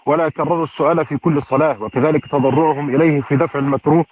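A man reads a classical commentary aloud to his teacher at a quick clip. His fluent, formal reading gives careful vowel endings, and his voice sits a little high. The recording is dull and lo-fi. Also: steady tone.

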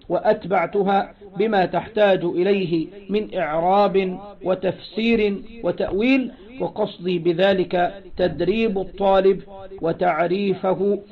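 A man's voice: high-pitched, muffled recording. A man with an Egyptian accent teaching classical Arabic grammar, explaining step by step and asking rhetorical questions to his students.

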